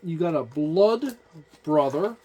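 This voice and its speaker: A slight hiss or hum sits under this casual book walkthrough by a tabletop gaming channel host. The mid-range voice is animated, slow and a little mellow, rambling page by page with many fillers while pointing things out.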